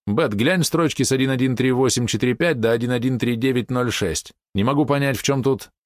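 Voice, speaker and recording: A man performs a calm, wry male hacker who talks with a smirk, his mid-range voice pitched above his own yet still natural and a little fast. The recording is dry and studio quality.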